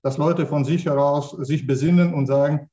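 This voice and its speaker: A man's voice: a little high, steady tone, normal speed, dark tone, dull audio. A middle-aged native Russian speaker, a man with a Russian accent, speaking spontaneously on a discussion panel and searching for words with repeated starts. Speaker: academic panelist.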